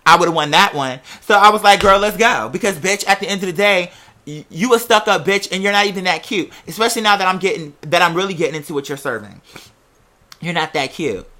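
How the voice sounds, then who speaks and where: A young adult vlogger rambles casually through personal stories to camera or mic, using sassy, emphatic slang laced with profanity. The voice is mid-range, brisk, and sharp in tone.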